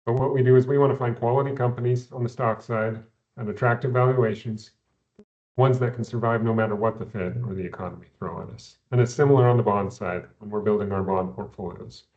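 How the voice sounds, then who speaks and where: A man, an investment adviser, explaining economics in a measured way, often repeating words at the start of phrases, heard over a video call. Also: on the low side, fairly even intonation, a little mellow, dull audio. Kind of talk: explaining economics in a recorded company Q&A.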